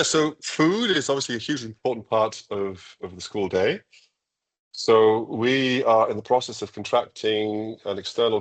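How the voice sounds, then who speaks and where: A man from Iceland, an international school leader, answering questions in a live interview, enthusiastic and measured, with frequent ums and restarts. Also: on the low side.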